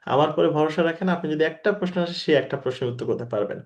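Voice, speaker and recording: In a recorded exam-prep grammar lecture, a male teacher with a voice on the high side speaks at a quick pace. He repeats his key points, poses rhetorical questions to the class, and mixes English words into his talk. The recording sounds muffled.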